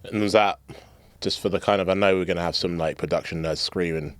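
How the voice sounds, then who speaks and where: A man hosting a podcast, asking questions and dropping quick jokes. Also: deep voice, steady tone, dry recording. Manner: jokey, quick interjections. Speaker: podcast host. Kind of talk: casual chat. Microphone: podcast studio mic.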